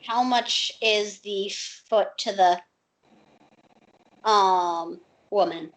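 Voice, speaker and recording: A woman's voice: mid-range voice, very slow, a bit bright, poor audio. A woman playing in a tabletop game, giving brief, hesitant replies. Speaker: player. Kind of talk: casual tabletop play.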